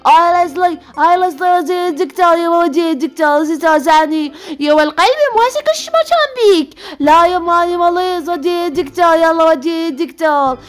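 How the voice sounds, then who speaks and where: A woman's voice: very high voice, fast. A woman with an Iraqi Arabic accent voicing a whining, fibbing young boy in a game. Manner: whining, pleading.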